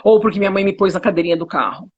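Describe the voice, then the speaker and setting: A psychotherapist with a Brazilian accent, speaking emphatically with indignant rhetorical questions in a conversational interview. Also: female voice, mid-range voice, rapid-fire, breathy edge. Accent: Brazilian Portuguese. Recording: dull lo-fi audio.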